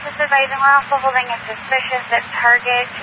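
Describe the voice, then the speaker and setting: A man working as a police dispatcher, reporting incidents in a brisk, businesslike way over a two-way radio. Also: very high-pitched, flat delivery. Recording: lo-fi noisy radio scanner.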